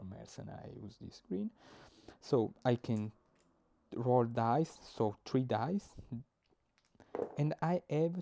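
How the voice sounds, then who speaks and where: This young Italian speaks in a mid-range, mellow voice with vocal fry while explaining how a board game works. His accented English is halting, with frequent pauses to search for the right word and plenty of fillers.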